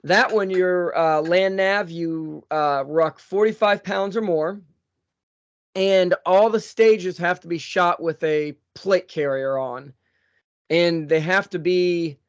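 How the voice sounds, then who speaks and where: Breathless, high-voiced male podcast host. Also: no room sound. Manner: rambling with many fillers and restarts. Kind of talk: casual show intro and chat. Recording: dull lo-fi dry sound.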